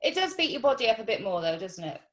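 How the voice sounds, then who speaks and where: A woman's voice: fairly high pitch, big pitch swings, quick pace, a bit bright. A woman hosting a casual interview, asking questions in a supportive, attentive, conversational way. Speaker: interviewer, podcast host.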